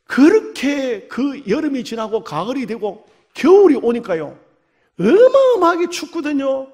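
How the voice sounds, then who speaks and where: Animated pastor with a slight cold. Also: male voice, very high-pitched. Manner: animated storyteller, acts out voices, swings from shouts to near whispers. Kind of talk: revival sermon with storytelling. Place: church.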